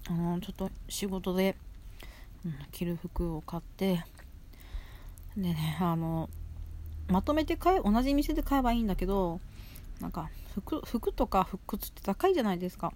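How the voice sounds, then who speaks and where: A woman's voice: mid-range voice, moderate pace, pauses often, a little mellow, slight background noise. Woman chatting casually while chewing. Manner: chewing while talking, mouth often full. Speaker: solo audio show host. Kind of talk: casual chat while eating.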